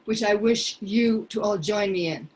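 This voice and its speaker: Older lady singer from peru chatting on a headset mic at home, slow and thoughtful, bit of hiss. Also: mid-range voice, poor audio. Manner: earnest, reflective, pausing often. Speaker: singer sharing a song. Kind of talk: casual video call chat. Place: home living room. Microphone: headset mic on video call.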